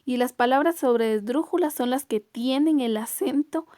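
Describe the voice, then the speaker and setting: A woman teacher giving a recorded online class, explaining carefully and stretching example words out slowly to show where the stress falls. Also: high-pitched, mellow, dry recording, studio quality.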